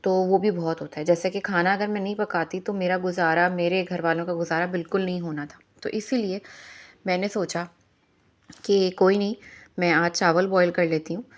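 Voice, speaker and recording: A woman's voice: on the low side, steady tone, normal speed. A woman, chatting in a voice-over about her home chores and giving friendly advice, with English phrases mixed in. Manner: chatty, advising, mixes English phrases into Hindi. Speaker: homemaker vlogger.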